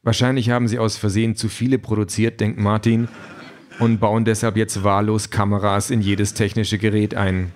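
Low-voiced male audiobook narrator. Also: level tone, normal speed.

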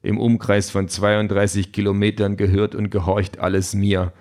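A man voicing a cold, pompous villain who talks calmly and condescendingly, in a low voice. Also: moderate pace, natural voice. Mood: irritated. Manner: calm, fussy, condescending.

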